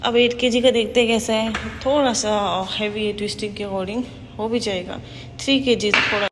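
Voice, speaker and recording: Speaking at normal speed with a medium pitch and fairly even intonation, a woman in her thirties vlogs her workout by phone in an empty hotel gym. She describes each exercise in a friendly, instructive manner, weaving in English words. The audio from her handheld or propped phone is echoey and noisy.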